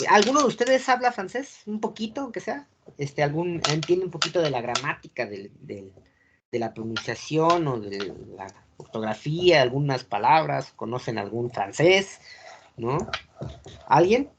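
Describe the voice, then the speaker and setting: A man with a Mexican accent teaching a class, often checking that students follow and filling pauses with "este". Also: fairly high pitch, animated, background noise. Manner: keeps checking the class follows, asking "sale?"; frequent filler "este" and restarts. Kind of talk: classroom lecture. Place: classroom with a board.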